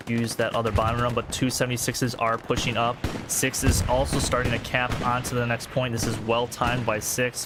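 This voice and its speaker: A man casting a competitive video game match play-by-play, tired and a little out of breath, talking quickly and getting excited at big plays. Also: mid-range voice, heavy background noise. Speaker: esports caster. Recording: game gunfire and artillery behind.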